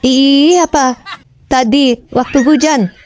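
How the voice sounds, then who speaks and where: A woman's voice: sits high, steady tone, takes it slowly, a little mellow, muffled recording, a little hiss or hum, voice pushed up. A woman voicing a naive young wife on the phone in a comic spoken story, speaking in a plaintive, pleading way.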